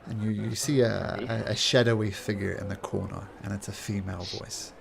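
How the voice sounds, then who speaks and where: A man's voice: fairly low pitch, fairly even intonation, normal speed, gravelly, a little hiss or hum. A man improvising narration as the game master of a tabletop role-playing game.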